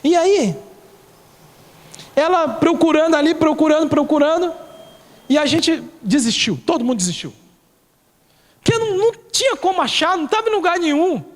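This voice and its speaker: A man's voice: very high voice, lively intonation, moderate pace, pauses often. A male pastor with a Brazilian accent delivering a sermon, telling a story and repeating key phrases for emphasis. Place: church. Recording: reverberant church hall.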